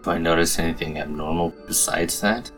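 A man's voice: sits low, fairly even intonation, fairly quick, fairly bright tone, soft background music. A man playing a tabletop role-playing game, answering the game master in plain, matter-of-fact replies. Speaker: player. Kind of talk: casual play at a tabletop game.

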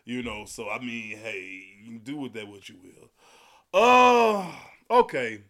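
High, bright-voiced man ranting profanely. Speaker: podcast host. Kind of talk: solo commentary rant.

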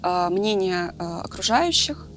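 A woman's voice: mid-range voice, lively intonation, a little slow, soft background music. A woman in her thirties talking candidly in a casual podcast conversation, thinking aloud with lots of fillers. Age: 30s. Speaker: guest, film director.

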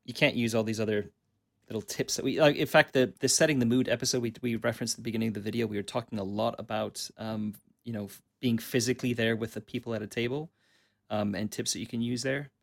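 A man's voice: mid-range voice, steady tone, fast talker, gravelly. A man co-hosting a casual chat, thoughtful and hesitant, searching for words as he goes. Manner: thoughtful, hesitant, many ums and restarts. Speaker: podcast co-host.

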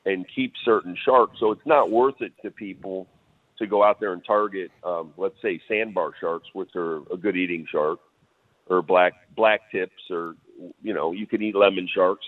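A man's voice: sits low, dry recording. Man talking over a tinny phone line. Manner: rambling, halting with many fillers. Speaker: phone-in guest. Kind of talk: casual radio chat.

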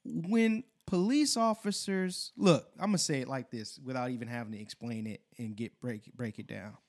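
A man's voice: medium pitch, moderate pace. A man co-hosting a discussion, emphatic and wry, speeding up when he drives a point home. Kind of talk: conversational discussion.

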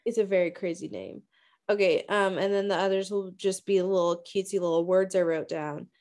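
A woman co-hosting a casual book discussion, blunt and swearing freely with quick asides. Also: fairly low pitch, fairly even intonation, a little mellow. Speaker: book podcast co-host.

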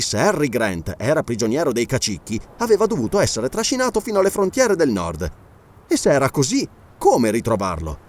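A man narrating a novel aloud in a measured, expressive storytelling manner. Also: fairly high pitch. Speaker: audiobook narrator.

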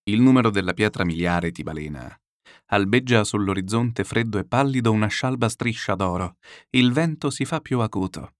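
A man reading a literary text aloud, declamatory and lyrical, with slow solemn pauses. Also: fairly low pitch, dry recording, studio quality. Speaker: reader.

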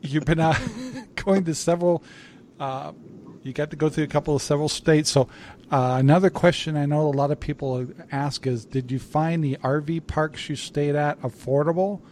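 A man hosting a casual interview, asking questions in halting, stop-start phrases. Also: a little high, steady tone, darkish tone, a little hiss or hum. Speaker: host.

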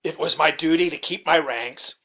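A man's voice: a little high, moderate pace, sharp tone. A man voicing a sober old army sergeant who recalls his service plainly, in an audiobook reading. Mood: recalling.

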